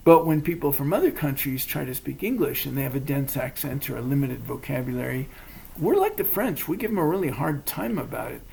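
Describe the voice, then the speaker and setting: Thoughtful gravelly man. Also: mid-range voice, big pitch swings, a little mellow, rough recording. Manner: thoughtful, measured, self-deprecating. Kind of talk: casual chat.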